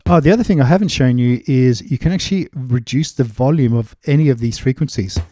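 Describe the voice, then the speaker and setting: Music loops and vocal samples sound behind a man who explains music production step by step in a relaxed, informal tutorial while demonstrating. He speaks quickly with a medium-pitched, dark-toned voice.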